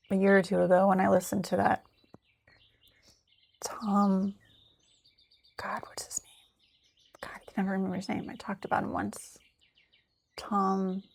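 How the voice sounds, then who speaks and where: Gravelly, husky woman musing aloud. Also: medium pitch. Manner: candid, rambling, swears freely; thinks aloud with many fillers. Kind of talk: casual spiritual monologue, reading notes aloud.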